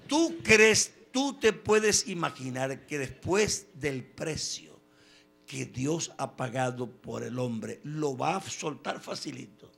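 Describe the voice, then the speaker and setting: A man preaching a sermon, telling stories with quoted voices and sudden loud bursts. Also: medium pitch, expressive, slow, gravelly.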